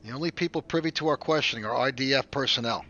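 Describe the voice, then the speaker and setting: A hard-pressing male interrogator who commands rather than asks, as a man plays him. His voice carries a gravelly rasp. The recording sounds dull and lo-fi. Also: mid-range voice, fast talker, pushed and bright. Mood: briefing. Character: tough male defense force interrogator. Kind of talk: amateur audio drama acting.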